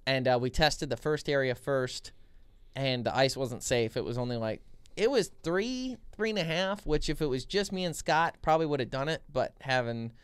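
A young man co-hosting a podcast, telling stories in a relaxed, animated way. He speaks into a boom mic in a small foam-lined studio. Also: normal speed, clear, resonant tone, no room sound. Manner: animated, gestures with his hands while telling stories. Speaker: podcast co-host. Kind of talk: casual storytelling chat. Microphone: boom mic with headphones.

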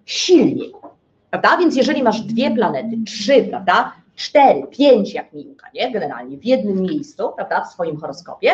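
A woman's voice: mid-range voice, very animated, normal speed. A woman giving a live astrology lecture, who keeps checking in with her listeners and asks rhetorical questions, then answers them herself. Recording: dull lo-fi lecture recording.

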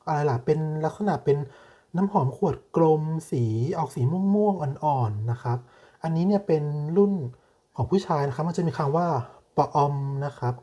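A man hosting his own channel, giving a casual, polite perfume review with slow, hesitant delivery and many drawn-out filler sounds. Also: on the high side, lively intonation, dark tone, breathy edge.

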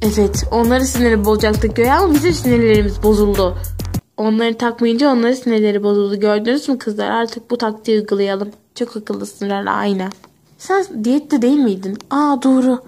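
A woman's voice: on the high side, fairly quick, a little mellow, soft background music. Young woman voicing a whole pony story. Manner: switches between several character voices, chatty and playful. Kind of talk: one voice performing all toy-pony roles in a homemade story.

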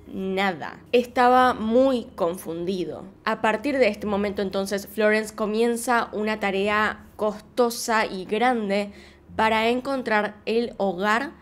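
A young woman with an Argentine accent, hosting her true-crime channel and telling the case in calm, measured, scripted narration, recorded at home on a desk mic. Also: medium pitch. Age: young adult. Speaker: true-crime vlogger host. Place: living room at home. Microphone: studio mic on desk.

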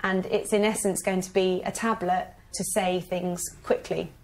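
A woman's voice: fairly low pitch, flat delivery, moderate pace, slight background noise. A woman, a design strategist, explaining an idea in a friendly, explanatory way.

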